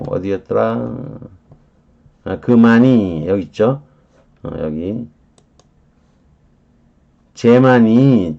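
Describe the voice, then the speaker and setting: A man teaching English vocabulary in a lecture, explaining slowly with many drawn-out fillers and reading English phrases deliberately. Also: mid-range voice, lo-fi sound.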